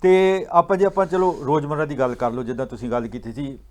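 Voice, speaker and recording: A man explaining religious teachings in a patient, teaching manner, slowing down to recite verses. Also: on the high side, fairly even intonation. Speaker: guest speaker on Sikh scripture.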